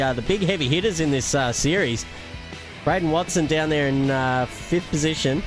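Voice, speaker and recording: A man giving live sim racing commentary, jokey and punning, with filler pauses. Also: mid-range voice. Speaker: race commentator. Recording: music playing behind the voice. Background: background music.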